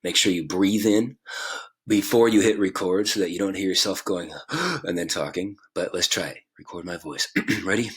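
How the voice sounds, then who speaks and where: A man's voice: low-pitched, normal speed, fairly bright tone, breathy edge. A male teacher giving a casual screen-recorded tutorial, talking through each click at a computer mic.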